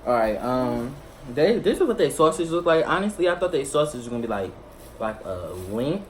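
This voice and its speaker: A man's voice: fairly high pitch, sing-song, a little fast. A man hosting a casual seafood mukbang vlog, playful and chatty, often repeating himself and trailing off. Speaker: vlogger host. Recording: noisy background.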